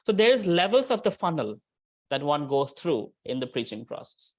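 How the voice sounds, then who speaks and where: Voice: medium pitch, sing-song, moderate pace. A spiritual teacher giving an informal religious lecture and answering questions, conversational and often checking in with "right?". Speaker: spiritual teacher leading a scripture discussion.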